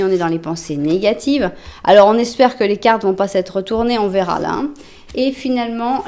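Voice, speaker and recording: A chatty woman talks her viewers through a tarot reading, speaking to them directly. Her voice sits at an ordinary middle pitch. She keeps her delivery loose and reassuring, full of little fillers and restarts. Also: a little hiss or hum. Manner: chatty, warm-hearted, with frequent fillers and self-corrections. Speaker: tarot card reader.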